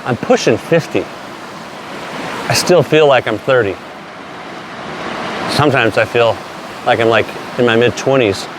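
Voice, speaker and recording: A man in his late forties casually reviews shaving products, speaking in a mid-range voice at a measured pace with long pauses. He's enthusiastic and plainspoken, letting slip some mild swearing. The background is noisy.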